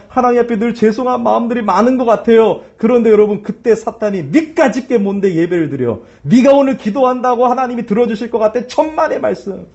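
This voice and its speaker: A man's voice: high-pitched, dark tone, lo-fi sound. A male pastor preaching a sermon in a church, speaking emphatically and addressing the congregation directly. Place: church sanctuary.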